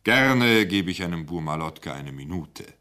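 A man reading aloud and voicing a soft-spoken, domineering male radio director. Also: low voice, expressive, a little slow, full character voice. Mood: smooth.

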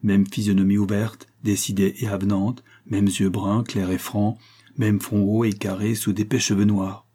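A man reading a novel aloud in steady scripted narration. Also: fairly low pitch, normal speed, slightly rough. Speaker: audiobook reader.

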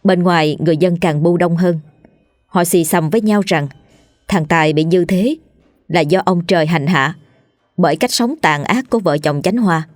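Low-voiced woman telling a horror story. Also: moderate pace, no room sound, clean studio sound.

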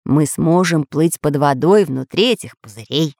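Casting: deep-voiced, patient old scientist, put on by a woman storyteller, calm and explaining. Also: measured pace, dry recording, clean studio sound, exaggerated voice. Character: calm, wise old male professor scientist.

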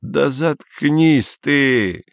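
A young Soviet scientist pushes his point loudly and insistently, voiced by a man reading the story. His voice sits above the reader's own. The recording is dry and close. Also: fairly high pitch, expressive, measured pace, no echo, voice pushed up. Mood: heated. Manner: shouting, heated and insistent.

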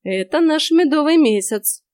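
A woman voicing a grumpy, bossy old witch who barks and scolds loudly, in an audiobook. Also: high voice, lively intonation, a little slow, dry recording, voice pushed up. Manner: snapping, loud scolding. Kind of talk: audiobook character voice.

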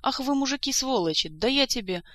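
An audiobook reader voicing a feisty young woman who shouts and swears. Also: mid-range voice, brisk, no echo, close to an everyday voice. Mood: furious.

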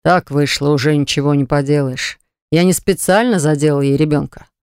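A woman's voice: low voice, steady tone, normal speed, a little mellow, clean tone, dry recording, studio quality. A woman narrator voicing a grown man, an eldest brother, who answers tersely and defensively. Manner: terse, sighing.

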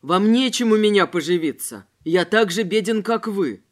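A woman's voice: lowish voice, lively intonation, normal speed, voice pushed down, lightly acted. A woman voicing a polite young male deputy, earnest and pleading, in an audiobook.

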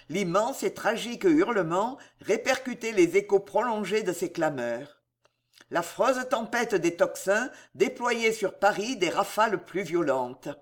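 A man reading a historical novel aloud as an audiobook, in a dramatic, theatrical narration. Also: high voice. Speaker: audiobook reader.

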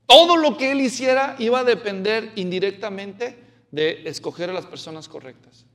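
A man preaching an expository sermon. He talks in an animated way, asks the congregation questions and acts out the quotes. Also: high voice, moderate pace.

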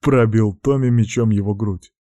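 A man narrating fantasy fiction as an audiobook in a steady, even storytelling voice. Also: lowish voice, normal speed, dry recording, clean studio sound. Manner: steady, even storytelling with dramatic sound words.

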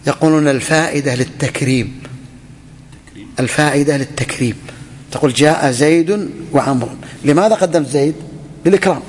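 A man gives a classroom grammar lesson, voice sitting slightly high. He says each phrase twice and keeps asking the students whether it is clear. A long reverb trails his words through the hall. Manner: repeats phrases, quizzes students with questions. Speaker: teacher of Arabic grammar.

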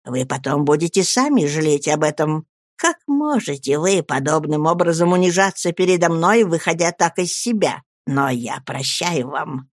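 A man reading an audiobook voices a sly, falsely humble young man who speaks softly, slowly and ingratiatingly. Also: on the high side, expressive, no room sound, studio quality. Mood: smug, forgiving. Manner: soft, slow and ingratiating.

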